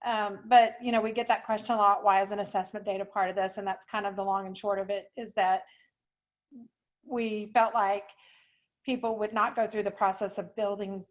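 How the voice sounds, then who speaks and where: A woman presenting an online software webinar, explaining in a chatty way with many fillers, a little out of breath. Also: medium pitch, flat delivery, normal speed. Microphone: video call. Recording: dull lo-fi online call audio.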